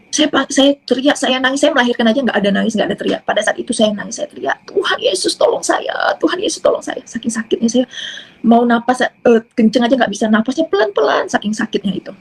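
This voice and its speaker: A middle-aged woman tells her personal testimony in an earnest, halting way, with many pauses and restarts. Her voice sits fairly high and has a husky, breathy edge. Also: poor audio. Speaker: testimony speaker.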